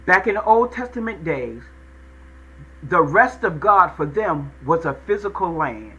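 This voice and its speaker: A man's voice: high-pitched, animated, unhurried, bright, forceful tone, slightly rough, muffled recording. A man preaching a sermon, retelling a Bible story with dramatic, folksy storytelling and speaking straight to the congregation. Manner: dramatic storytelling, acting out God's and the people's words; folksy, addresses the congregation directly.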